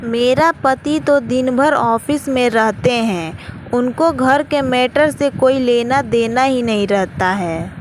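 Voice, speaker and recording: A woman's voice: fairly high pitch, slow. A woman voicing a weary, resentful young married woman who complains about her in-laws. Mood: bitter. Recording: noisy with traffic outside.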